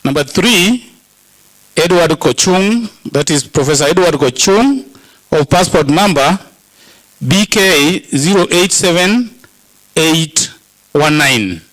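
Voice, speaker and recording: Very slow, deliberate Kenyan male legislator. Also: on the high side, animated, a bit bright, rough recording. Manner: halting, deliberate. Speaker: county assembly member moving a motion. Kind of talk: formal parliamentary speech. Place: assembly chamber.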